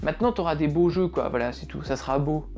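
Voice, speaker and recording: A man's voice: a little high, fast, darkish tone. A man ranting off the cuff about games, blunt and full of slang and swearing. He stumbles over his words, repeats himself and keeps asking exasperated rhetorical questions. A little music plays faintly behind him. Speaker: gaming video creator. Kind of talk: unprepared casual rant.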